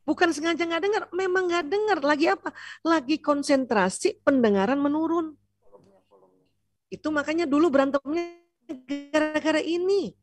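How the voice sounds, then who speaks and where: A woman giving a seminar lecture on family life, lively and playful, teasing the audience and asking it questions. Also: sits high, moderate pace, faint music behind. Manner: asks the audience questions and answers them. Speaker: seminar speaker.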